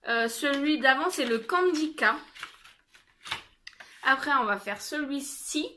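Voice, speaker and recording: Bright, high-voiced chatty young French woman. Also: lively intonation, slow, a little hiss or hum. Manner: chatty, many fillers and restarts. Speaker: haul vlogger. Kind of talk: casual haul video chat.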